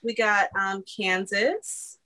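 A woman's voice: medium pitch, slow pace, sharp tone, dry recording, low-quality recording. Woman reading off podcast stats. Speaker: podcast co-host reading analytics. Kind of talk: casual podcast chat.

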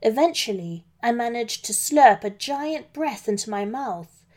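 A woman narrating a children's storybook in the first person, in a gentle, unhurried reading voice. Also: fairly high pitch, lively intonation.

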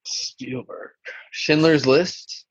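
A man's voice: fairly high pitch, extremely slow, background noise. Hesitant man in a dull lo-fi recording. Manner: hesitant, unsure. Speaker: podcast guest. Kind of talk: casual chat. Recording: dull lo-fi microphone sound.

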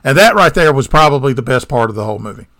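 A man's voice: mid-range voice, expressive, racing, fairly bright tone, no room sound. A man with a Southern American accent co-hosting a podcast, retelling a movie plot in casual chat with rambling digressions and sarcastic asides. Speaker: podcast co-host.

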